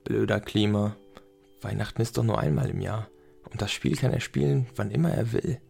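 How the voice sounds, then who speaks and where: A man voicing an excitable, stubborn little boy who exclaims eagerly. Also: lowish voice, normal speed, gravelly. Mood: indignant.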